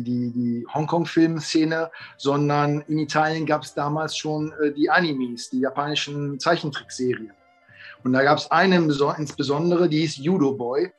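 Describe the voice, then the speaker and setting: A man in his fifties, raised between Italy and Germany, telling his story as an interview guest, rambling with many fillers and restarts. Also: fairly high pitch. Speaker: kung fu teacher, guest. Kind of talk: casual interview talk.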